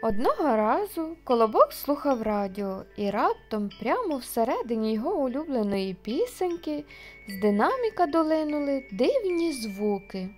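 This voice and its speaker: A woman narrates a children's audio story. Her voice sits high and moves expressively. Soft music plays faintly behind her. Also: moderate pace. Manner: lively, expressive read.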